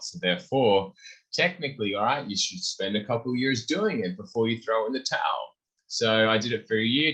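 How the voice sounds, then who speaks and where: The founder of a beverage company, a young adult man, appears on a podcast for a casual conversation, animatedly acting out what people said. His voice is low and husky, and the recording quality is poor.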